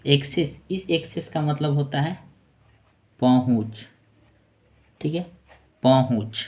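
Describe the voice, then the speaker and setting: A man teaching English vocabulary in a casual, repetitive way, saying each word slowly and repeating it. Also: fairly high pitch, a little mellow. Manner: slow, repetitive word-by-word explaining.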